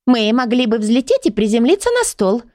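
Woman playing a tiny fiery book girl, squeaky, high, dry close sound. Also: sing-song, moderate pace, darkish tone, no echo. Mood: chirpy.

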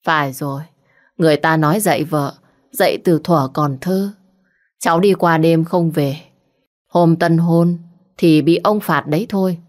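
Stern elderly matriarch, authoritative storybook figure, read by a woman; low-ish. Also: measured pace, darkish tone. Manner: authoritative, lecturing. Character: stern old grandmother, matriarch of a rich house.

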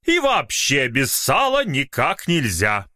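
A man's voice: medium pitch, wildly swooping pitch, pushed and bright, no room sound, clean studio sound, heavily acted. Man doing a pompous village poet. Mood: indignant. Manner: slow, declamatory, mock-solemn.

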